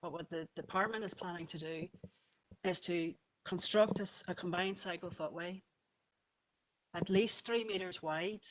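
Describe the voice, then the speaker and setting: A woman's voice: fairly low pitch, poor audio. A woman, a planning officer carefully explaining a case to a committee over a remote call, often restarting her sentences. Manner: halting, self-correcting, careful.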